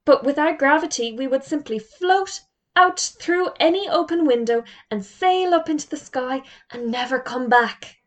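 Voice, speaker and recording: A woman's voice: high voice, animated, normal speed, pitched above the performer's own voice. A woman voicing a fussy, cross male schoolteacher in a storybook reading. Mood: flustered.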